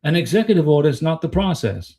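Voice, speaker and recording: The Florida-born American host of a casual livestream talks quickly, his slightly high, dark-toned voice swinging widely in pitch. He replies to chat and asks rhetorical questions, all in a blunt, emphatic, opinionated manner.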